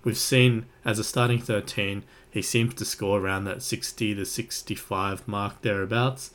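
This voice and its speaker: A man's voice: lowish voice, fairly even intonation, normal speed, a bit bright. An Australian man hosting a sports podcast, giving casual, conversational commentary in an informal way.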